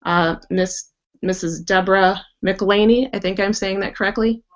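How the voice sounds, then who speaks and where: A woman's voice: medium pitch, fairly even intonation, moderate pace, fairly bright tone. A woman host introducing a guest, unsure how to say her name. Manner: hesitant over the guest's name. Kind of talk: introducing a speaker. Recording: dull lo-fi call audio.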